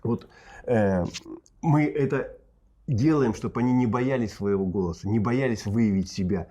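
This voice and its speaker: A man who teaches pantomime, explaining his methods and leading an exercise in an energetic, instructive way with short, emphatic phrases. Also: lowish voice, unhurried. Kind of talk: explaining and running a drama exercise.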